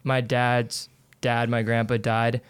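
Laid-back young man, flat and clear. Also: mid-range voice, takes it slowly, dry recording. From Santa Ana, California. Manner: laid-back, fillers like "like" and "pretty trippy". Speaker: guest. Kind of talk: casual interview chat.

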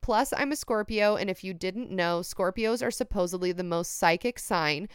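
A woman's voice: medium pitch, moderate pace, smooth, dry recording, clean studio sound. A hungover woman co-hosting a podcast, chatting casually and reading listener emails aloud. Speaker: podcast co-host.

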